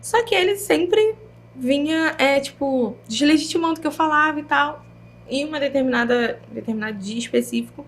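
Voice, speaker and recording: A young woman with a Brazilian Portuguese accent, a guest telling a personal story in a chatty, lively way full of slang fillers. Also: high voice, normal speed. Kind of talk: interview storytelling.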